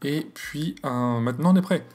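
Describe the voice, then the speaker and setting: An English-accented man with a fairly high voice, speaking at normal speed, hosts a screen-recorded astrophotography software tutorial. His casual, hesitant talk includes many fillers and self-corrections.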